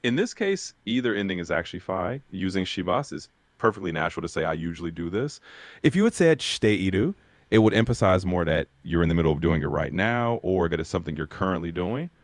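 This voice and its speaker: A man's voice: sits low, animated, fast, no room sound. A man tutoring Japanese, asking practice questions and explaining with encouraging feedback.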